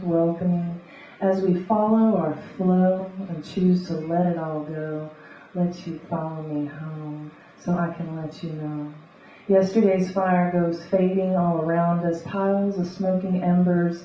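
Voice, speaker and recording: A woman reading beatnik spoken-word poetry live, in rhythmic, deliberate, short clipped phrases. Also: fairly low pitch, warm tone. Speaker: poet and conceptual artist. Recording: echoey live room, distant muffled mic, faint noise.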